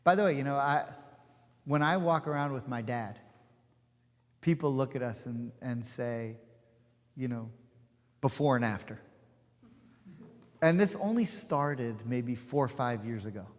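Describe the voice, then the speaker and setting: A rabbi in his forties runs a casual study class in a synagogue hall, wandering off topic with lots of asides and filler words. His medium-pitched voice moves a little slowly, broken by long pauses, and the hall's long reverb colors the recording.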